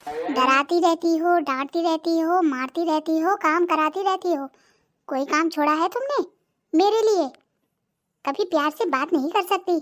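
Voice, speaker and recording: Someone doing a squeaky high cartoon hubby, older guy, teasing and whiny, henpecked. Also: unhurried, a bit bright. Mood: complaining. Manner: mocking, wheedling, complaining. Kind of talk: cartoon voice acting.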